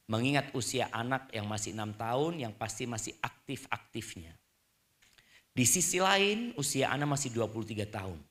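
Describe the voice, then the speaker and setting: A middle-aged man preaching and answering questions, playing out little scenes in quick voices. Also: medium pitch. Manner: animated, acts out wives and husbands in quick asides. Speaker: Islamic preacher. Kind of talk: sermon answering audience questions.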